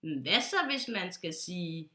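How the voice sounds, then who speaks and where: A woman doing a meek teddy bear. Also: animated. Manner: meek, apologetic, lower and softer. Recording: roomy echo.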